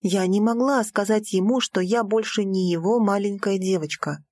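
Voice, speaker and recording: A woman reading a first-person audiobook aloud, expressive and lifting her voice for the heroine's lines. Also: mid-range voice, moderate pace, dry recording. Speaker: audiobook narrator.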